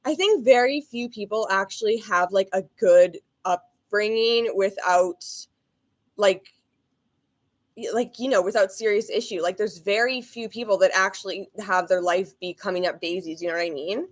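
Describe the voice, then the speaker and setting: A woman's voice: medium pitch, moderate pace. A woman vlogger giving casual reaction commentary, candid and rambling, with frequent swearing.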